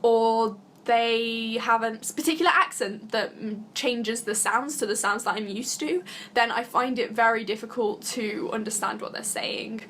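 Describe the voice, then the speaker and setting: A woman's voice: on the high side, normal speed, a bit bright, slight background noise. A young woman from Britain chatting casually to camera as a vlogger, giggly and full of fillers. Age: young adult. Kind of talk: casual vlog talk to camera.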